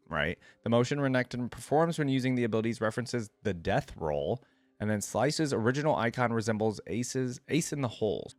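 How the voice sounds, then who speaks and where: A reaction video creator with a voice on the low side talks casually, thinking aloud and offering his opinions in a conversational way. There's no echo on the recording.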